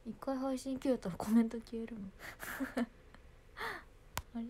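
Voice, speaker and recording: A woman's voice: a little high, steady tone, measured pace, warm tone. A young woman, chatting casually and giggling on a phone livestream. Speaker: idol livestreaming to fans.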